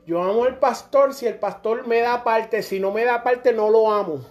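A man's voice: extremely high pitch, normal speed. A middle-aged man preaching a sermon, fervent and direct, now and then acting out churchgoers in dialogue. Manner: impassioned, acts out church members in dialogue.

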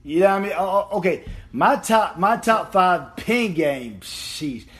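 Excitable high-voiced man, repeating himself. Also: unhurried. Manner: excitable, repeats words in bursts; slangy. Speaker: podcast co-host. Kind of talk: casual chat.

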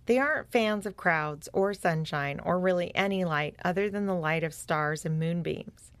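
A woman narrating a children's adventure story in a gentle, expressive reading style. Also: on the low side, moderate pace, clear, resonant tone, dry recording.

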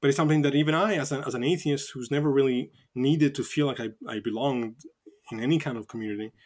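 A man's voice: medium pitch, fast, a little mellow. A man in his thirties whose first language is not English, a podcast guest talking casually, with frequent fillers and restarts. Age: 30s.

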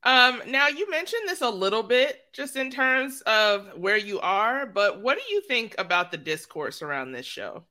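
A woman's voice: fairly high pitch, sing-song, moderate pace, hardly any pauses, bright, forceful tone. A woman hosting a casual podcast, asking easygoing questions and teasing her guest. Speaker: podcast host.

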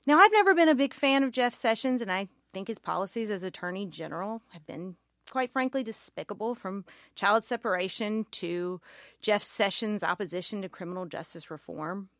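A woman's voice: mid-range voice, lively intonation, moderate pace, fairly bright tone, no echo, clean studio sound. A woman with a Southern American accent gives a wry, pointed political commentary as podcast host.

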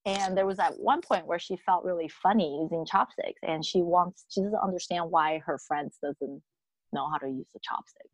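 A woman's voice: on the low side, moderate pace, dry recording, rough recording. A woman in her thirties with a Taiwanese accent, talking reflectively as an interviewee, with many fillers and restarts. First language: Mandarin. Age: 30s. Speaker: interviewee, mother. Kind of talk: casual interview chat.

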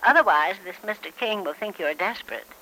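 Managing old society lady; precise, sharp, lively radio melodrama delivery. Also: mid-range voice, brisk, low-quality recording. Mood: urgent, cautious. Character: scheming, genteel old lady. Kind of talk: old radio soap acting.

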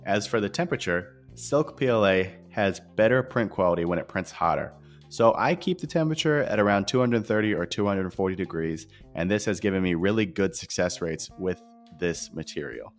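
A man hosts an informal scripted podcast in a deep, expressive voice, speaking a little fast as he addresses listeners directly. Recorded in an empty new office without furniture, the audio is echoey, with music playing behind.

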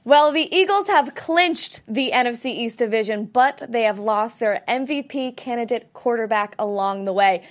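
A woman hosting a casual sports talk show in a studio, upbeat and quick to laugh. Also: fairly high pitch, soft background music.

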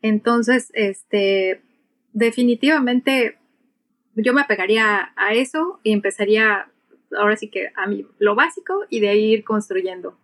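Her mid-range, slightly bright voice moves at a measured pace, captured in a rough recording. She is a middle-aged pilot and aviation English instructor with a Mexican Spanish accent, answering interview questions conversationally through acted-out examples.

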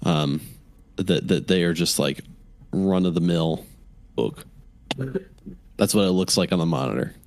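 A man's voice: deep voice, measured pace, long pauses, a little mellow, slight background noise. A man narrating as game master of a tabletop game, describing scenes in a rambling way with many fillers.

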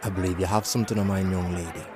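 An actor playing an old retired field agent of the sea, gruff and folksy with old-fashioned phrasing, in an audio drama. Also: male voice, low-pitched, steady tone, rapid-fire, a crowd in the background, lightly acted. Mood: gruff, wary. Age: older. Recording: clear outdoor dockside noise behind.

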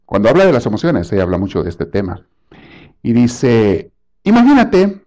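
A man's voice: fairly low pitch, very animated, normal speed, warm tone. A man preaching a sermon in an emphatic, scolding way, full of rhetorical questions.

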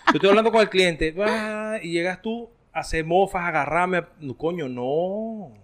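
A man's voice: sits high, normal speed. Mock-exasperated Venezuelan man. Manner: mock-exasperated, swears a lot, half laughing. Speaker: co-host of a couple's channel. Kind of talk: casual chat.

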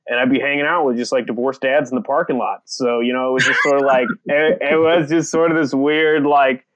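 A young man, a comedian, telling stories on a podcast in a casual, animated way, laughing and swearing freely. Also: medium pitch, brisk, muffled recording. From United States. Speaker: comedian guest.

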